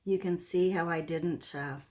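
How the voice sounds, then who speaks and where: A woman with a slightly low voice hosts a casual craft demonstration. She talks through each step as she works, unhurried and conversational. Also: steady tone, darkish tone. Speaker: host of an acrylic pour painting tutorial. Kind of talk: casual craft demonstration, narrating as they work.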